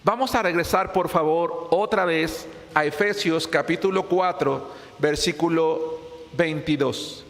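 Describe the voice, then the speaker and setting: A man with a fairly high voice delivers an earnest sermon, repeating his phrases for weight and turning to his listeners as brothers. His voice rings through a church hall with a long, trailing reverb. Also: a little slow, fairly bright tone. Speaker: preacher.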